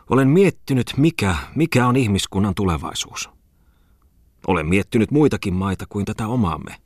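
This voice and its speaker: A man's voice: deep voice, dry recording, clean studio sound. A man voicing a tipsy, emotional idealist who rants in a whining, pleading voice in an audiobook. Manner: whiny, pleading, rhetorical outbursts.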